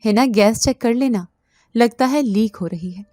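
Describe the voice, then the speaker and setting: A woman voicing a brisk, dismissive older aunt who scolds in a matter-of-fact way. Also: a little high, mellow, no echo, lightly acted. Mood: brusque.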